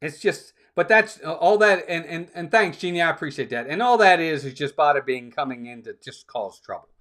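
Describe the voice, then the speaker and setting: Fairly quick and fairly bright, this man's slightly high voice has a lively lilt. He runs a fan stream, mixing live play-by-play with answers to chat, talking right to viewers, telling off trolls, and saying things twice to drive them home.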